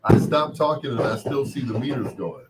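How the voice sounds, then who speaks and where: A man with a deep, booming voice hosts a late-night radio show, chatting in a relaxed way at normal speed through a processed studio mic. The background is noisy with booming fireworks and firecrackers.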